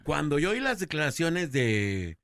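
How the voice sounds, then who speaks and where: Gravelly, high Mexican man co-host. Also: very animated, unhurried, a bit bright, no room sound. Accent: Mexican Spanish. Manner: blunt, slangy, moves the show along. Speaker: radio co-host. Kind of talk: casual sports chat.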